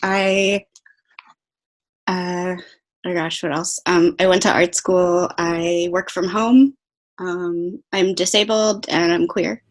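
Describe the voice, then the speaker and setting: Woman in her 30s, slow flat voice, kinda unsure what to say. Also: on the low side. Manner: hesitant, searching for words.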